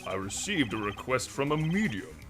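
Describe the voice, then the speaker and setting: A man playing a flustered, burdened elderly gentleman lawyer in an overacted amateur game dub, with a blustering, old-fashioned manner. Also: medium pitch, sing-song, normal speed, music in the background, lightly acted. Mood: grave, burdened.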